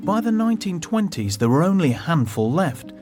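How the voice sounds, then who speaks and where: A man's voice: fairly high pitch, sing-song, a little fast, darkish tone, faint music behind. A man giving scripted narration for a nature documentary.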